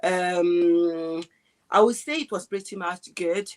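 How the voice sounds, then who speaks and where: Woman, 20s, from Ghana; lowish voice, relaxed, hesitant interview guest on a video call. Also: takes it slowly, clear, resonant tone. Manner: relaxed, hesitant, with many fillers and restarts. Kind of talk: casual interview chat.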